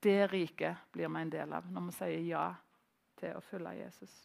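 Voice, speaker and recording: A middle-aged Norwegian woman preaching in church, telling a personal story in a relaxed, conversational way with pauses and fillers. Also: lowish voice, vocal fry.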